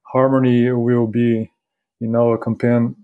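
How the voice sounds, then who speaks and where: A man from Rio de Janeiro with a Carioca Brazilian Portuguese accent, talking casually as an interview guest in a halting, courteous way, often repeating words. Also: medium pitch, flat delivery, narrow, tinny audio. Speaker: podcast guest, university academic.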